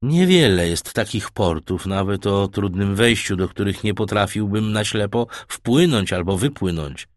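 A man voicing a calm, self-assured shipwrecked sailor in an audiobook. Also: fairly low pitch, a little slow, hardly any pauses, dry recording, studio quality. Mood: steady.

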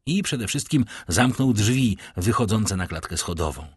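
A man narrating an audiobook in an expressive, dramatic way. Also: on the low side, measured pace, slightly rough, no echo, studio quality. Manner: expressive, lively storytelling.

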